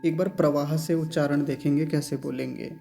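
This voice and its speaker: A man with a fairly high but mellow, soft-edged voice leads a recitation lesson. He breaks words into slow, deliberate syllables, then chants each line in an even, measured flow. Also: gravelly, slight background noise. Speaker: Sanskrit pronunciation teacher.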